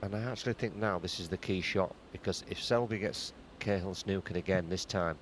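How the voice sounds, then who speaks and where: A man giving hushed live snooker commentary in an understated, conversational and analytical way. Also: deep voice, brisk, slight background noise.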